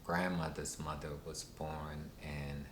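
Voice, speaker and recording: A man in his thirties from Washington, D.C., being interviewed, talking unhurriedly with many pauses and fillers. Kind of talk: casual recorded interview. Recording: roomy, with steady low rumble.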